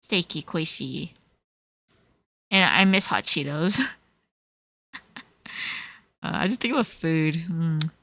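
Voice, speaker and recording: This young Californian stream host speaks very slowly with long pauses, in a low but animated and slightly bright voice. She chats casually with viewers in both Japanese and English, laughing frequently, and the recording has no echo.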